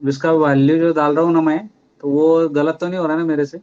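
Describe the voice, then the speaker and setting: A man's voice: fairly high pitch, little pitch movement, a little fast, darkish tone, highs cut off. A man, a technician describing his car repair problem step by step in a hesitant way. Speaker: technician asking a question.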